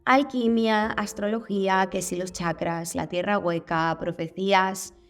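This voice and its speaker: A woman's voice: mid-range voice, steady tone, unhurried, faint music behind. A woman with a Spain Spanish accent narrating a video in a casual, curious way, dropping wry asides. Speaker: channel host.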